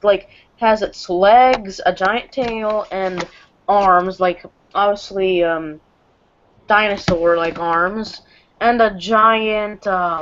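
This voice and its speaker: A woman chats casually and hesitantly, pausing on fillers as she thinks. Her voice sounds dull and lo-fi, with a faint hiss and clicks behind. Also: medium pitch, a bit bright. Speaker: co-host. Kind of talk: casual chat. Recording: dull lo-fi call, faint noise.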